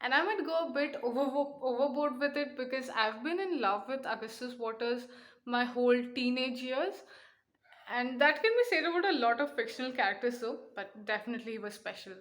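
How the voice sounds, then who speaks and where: A woman's voice: sits high, fairly quick, fairly bright tone. Chatty young woman reviewing a book. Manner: enthusiastic, chatty, with frequent fillers and laughs. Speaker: book vlogger. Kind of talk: casual book review vlog.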